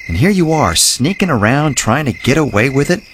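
An actor playing a firm but gentle middle-aged father in an audio drama, giving measured moral guidance. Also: medium pitch, very animated, a little hiss or hum, close to an everyday voice. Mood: stern.

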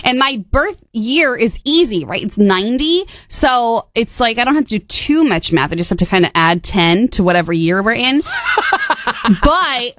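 A woman's voice: on the high side, very animated, moderate pace, fairly bright tone. A woman in her thirties co-hosting a morning radio show, chatting casually and laughing often. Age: 30s. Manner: giggly, scatterbrained, laughs often. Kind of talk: casual chat.

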